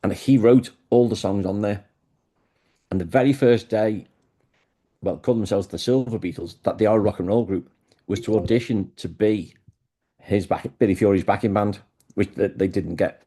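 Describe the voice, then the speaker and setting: This music historian, a guest in a conversational interview, is an eager storyteller. He speaks at a normal speed in a dark, lowish voice.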